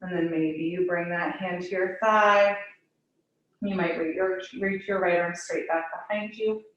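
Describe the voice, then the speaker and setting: Soothing low-voiced woman teaching yoga, echoey room. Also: fairly even intonation, dull audio. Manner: soothing, unhurried, gently inviting cues with pauses. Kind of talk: guided hatha yoga instruction. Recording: echoey room, distant microphone.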